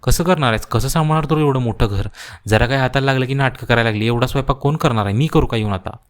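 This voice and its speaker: Cartoon mother-in-law, middle-aged, sharp-tongued and nagging, put on by a male narrator. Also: medium pitch, fast, close to an everyday voice. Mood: scornful. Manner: nagging, insulting.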